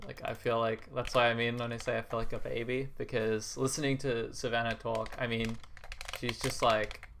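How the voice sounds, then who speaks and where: A young man thinks out loud while gaming, his talk loose and halting, full of restarts and soft chuckles. His voice sits at an ordinary middle pitch. Faint keyboard clicks and a light hiss sit under his speech. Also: flat delivery, gravelly. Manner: rambling and hesitant, full of restarts; soft and reflective, with quiet laughs. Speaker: gaming video creator. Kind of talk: casual musing while playing a video game.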